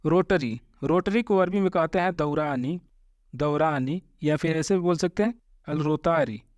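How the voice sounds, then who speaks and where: A man giving a vocabulary lesson, addressing his viewers as friends and saying each word slowly and more than once. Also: fairly high pitch, a little mellow, no room sound, muffled recording. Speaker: Arabic teacher.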